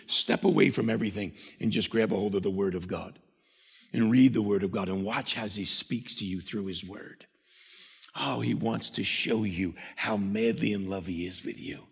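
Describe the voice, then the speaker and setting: A man preaches a sermon in a church, his voice gravelly and a little husky. He builds in fervor and clears his throat often. The sound carries a long hall reverb. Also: lowish voice. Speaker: pastor. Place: church sanctuary.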